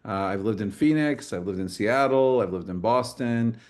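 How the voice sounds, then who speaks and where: A man's voice: lowish voice, moderate pace, a little mellow. A middle-aged man from Michigan giving a casual talk in a college classroom, with many "uh"s and restarts. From Michigan, USA. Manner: hesitant, many fillers and restarts. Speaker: guest speaker, engineering director. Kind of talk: fireside chat talk.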